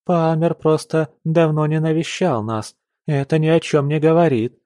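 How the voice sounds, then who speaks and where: Spoiled young noblewoman, shrill, indignant, raised pitch, dry close sound, put on by a male narrator. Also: steady tone, normal speed, dry recording, natural voice. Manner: shrill, indignant, sharp-tongued.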